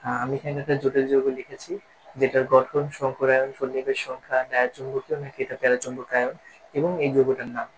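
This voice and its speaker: Fast-talking man teaching a lesson. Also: mid-range voice, completely flat delivery, a little hiss or hum, low-quality recording. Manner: explaining step by step, asks and answers own questions. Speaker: chemistry teacher. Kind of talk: classroom-style lesson.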